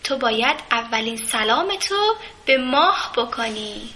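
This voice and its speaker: A woman voicing a kind, motherly rose bush that gently coaxes and advises a timid bud. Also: fairly high pitch, expressive, slight background noise. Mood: coaxing.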